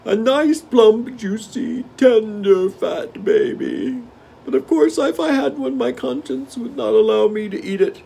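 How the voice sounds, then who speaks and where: A man's voice: very high-pitched, measured pace, vocal fry, dark tone, breathy edge, voice pushed up, heavily acted, rough recording. A man voicing a starving male tiger with a tender conscience, whining and drawing out his words. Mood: plaintive, longing.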